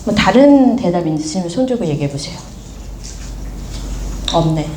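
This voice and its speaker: A woman's voice: fairly low pitch, moderate pace. A woman giving an informal seminar talk to an audience, asking them questions and acting out the voices of scolding parents and teachers. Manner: lively, asks the audience questions, acts out quoted scolding. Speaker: seminar speaker. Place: gallery studio seminar room. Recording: echoey room with faint background noise.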